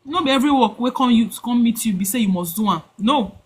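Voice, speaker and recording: A Nigerian woman speaks casually as a spiritual adviser on a live stream. She slips between Nigerian Pidgin and English. Her voice sits high, with a husky edge. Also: animated, fast. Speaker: spiritualist host of a live call-in. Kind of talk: casual spiritual advice on a livestream.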